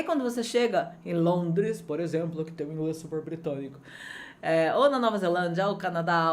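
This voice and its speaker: A woman from Brazil teaching an online English lesson, energetic and chatty, with big swings of pitch as she talks straight to her students. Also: a little hiss or hum.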